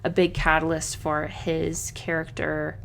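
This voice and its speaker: A woman giving a casual, thoughtful book analysis, often pausing with "um" as she works through her ideas. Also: low-pitched, level tone, creaky, fairly bright tone, slight background noise. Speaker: book reviewer. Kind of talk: book analysis video essay.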